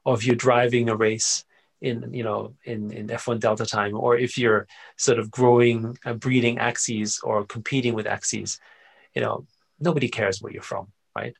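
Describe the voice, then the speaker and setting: Gravelly-voiced man, animated interview guest. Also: mid-range voice, normal speed. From Austria. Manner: animated storyteller, frequent "right?" and "you know" tags. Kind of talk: casual conversational interview.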